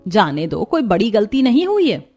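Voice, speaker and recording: A woman's voice: medium pitch, sing-song, moderate pace, breathy edge, soft background music. A woman voicing a kind, caring middle-aged mother-in-law who speaks soothingly but firmly. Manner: soothing, gently firm. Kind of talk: cartoon story voice acting.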